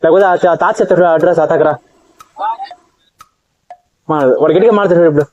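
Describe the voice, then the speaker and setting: A man's voice: a little high, fast talker, darkish tone. A man on a casual family phone call, coaxing the other person to speak up and say where they are.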